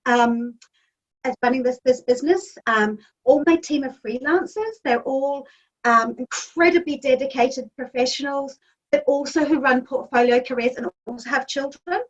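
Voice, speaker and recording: A high-pitched woman speaking at a moderate pace answers interview questions with enthusiasm and many ums. She's a magazine editor from New Zealand in a home office, and the lo-fi call recording sounds distant and dull.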